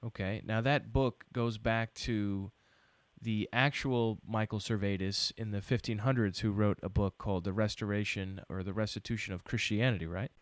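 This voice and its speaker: A man's voice: lowish voice, fairly even intonation, moderate pace, no room sound. A man hosting a show, interviewing a guest in a conversational way. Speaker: radio show host.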